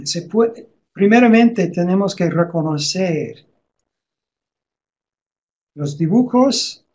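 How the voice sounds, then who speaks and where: A man explaining how to teach reading, in a measured way with deliberate pauses. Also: high-pitched, darkish tone.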